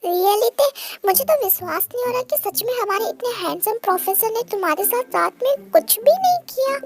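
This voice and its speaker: A woman's voice: extremely high pitch, animated, brisk. A woman voicing a nosy young best friend who teases and pushes for answers. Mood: teasing. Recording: loud music under the voice.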